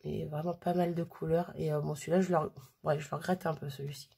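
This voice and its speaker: Gravelly low-voiced woman vlogging. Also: little pitch movement, fast talker, warm tone. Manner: chatty, filler-heavy, frequent "hop" while working. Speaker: crafting vlogger. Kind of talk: casual hands-on demonstration.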